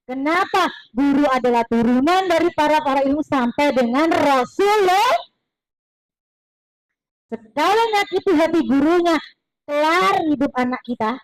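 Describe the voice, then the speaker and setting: A woman gives a religious parenting talk in a very high voice. She speaks in a lively, chatty way, slipping into other people's voices as she goes. The sound is dry and close, with little room echo. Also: moderate pace. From East Java. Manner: lively, chatty, mixes Javanese words, acts out voices of others. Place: mosque hall.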